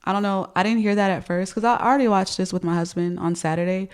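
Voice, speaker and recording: A woman's voice: mid-range voice, fairly even intonation, fast, a little mellow. A woman in her thirties giving casual music commentary, speech slightly affected by dental retainers, hesitant and repeating words as she thinks.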